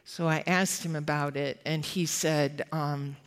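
Slow, earnest testimony storyteller. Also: mid-range voice, fairly even intonation, smooth. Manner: earnest, reflective, unhurried. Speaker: ministry worker giving an update.

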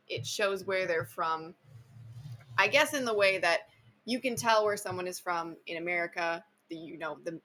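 A woman's voice: fairly low pitch, moderate pace, a bit bright. A woman hosting a casual book chat, enthusiastic and chatty, full of filler words. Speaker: podcast host.

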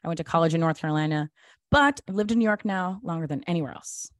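A woman's voice: low-pitched, fast, no room sound. A woman raised in the American South, speaking frankly and emphatically as a guest in a casual podcast chat.

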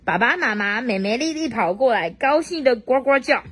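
At home, a parent with a high, husky, breathy voice reads a picture book aloud to a child at a moderate pace. She makes the storybook animated and expressive, swooping her voice up for excitement and pausing to chat with the child and ask questions.

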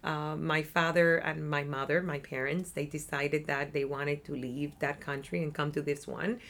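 A low-pitched, fairly bright voice with a level tone and normal pace belongs to a Cuban woman in her thirties. With a Cuban Spanish accent, she chats as an interview guest in an office about working in nonprofit community development. She's upbeat and talkative, regularly ending with "right?"

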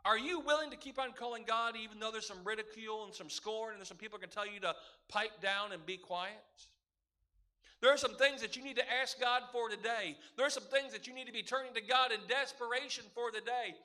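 A man's voice: sits high, fairly even intonation, a little fast, sharp tone. A man preaching a sermon as a pastor, earnest and asking the congregation rhetorical questions.

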